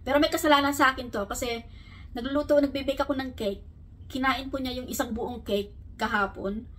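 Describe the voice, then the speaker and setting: A woman's voice: high voice, fairly even intonation, fairly quick. A middle-aged woman from the Philippines chatting casually at home as a vlogger, mixing Tagalog and English and laughing often. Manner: coaxing baby talk to her dog. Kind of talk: casual chat. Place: at home indoors. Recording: far from the mic, faint room noise.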